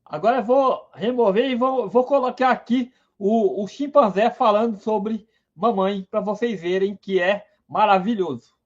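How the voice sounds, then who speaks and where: Dude on a live stream, super high voice, kinda muffled audio, hyped about science. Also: male voice, measured pace. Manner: enthusiastic, greets viewers by name. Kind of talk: casual live science talk.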